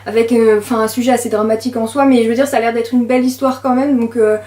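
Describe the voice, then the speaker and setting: A woman's voice: a little high, little pitch movement, fast, mellow, reverberant. A young woman chatting casually to camera about books, with frequent hesitations and fillers. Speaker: book vlogger.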